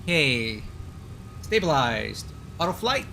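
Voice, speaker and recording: Bright-voiced man making clipped pilot headset callouts. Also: medium pitch, big pitch swings, slow, vocal fry, a little hiss or hum. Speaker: livestreamer flying a flight simulator as pilot. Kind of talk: live flight commentary with pilot radio calls.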